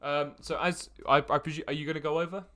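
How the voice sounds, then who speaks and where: A man's voice: fairly high pitch, little pitch movement, fast talker, fairly bright tone. A young man narrating as game master in a tabletop game, hesitant with many fillers and restarts. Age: young adult.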